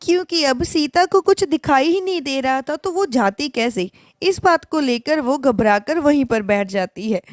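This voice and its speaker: High-voiced woman narrating a cartoon story. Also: animated, unhurried, no room sound, studio quality.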